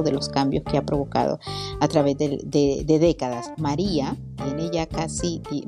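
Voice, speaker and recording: A woman hosting an interview, introducing her guest with enthusiasm. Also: low voice. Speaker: interview host. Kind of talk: podcast interview.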